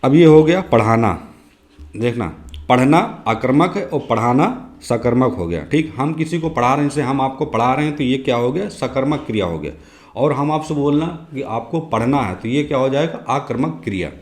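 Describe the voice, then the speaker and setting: Hoarse man teaching a grammar lesson. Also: medium pitch, lively intonation, normal speed. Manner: repeats each question then answers it. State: slightly hoarse, clearing throat. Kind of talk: exam prep grammar lesson.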